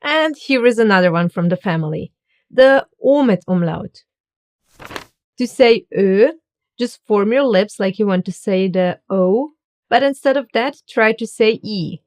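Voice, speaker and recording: This is a woman with medium pitch and lively intonation, working as a language teacher. She narrates a scripted lesson for beginners, slowly and carefully showing how each word should sound.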